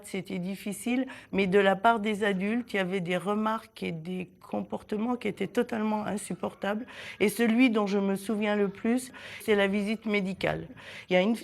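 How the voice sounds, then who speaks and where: Creaky-voiced Italian-born woman in her sixties. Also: mid-range voice. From southern Italy. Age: 60s. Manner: halting, reflective storytelling with many fillers. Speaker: interviewee. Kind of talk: personal testimony in a documentary.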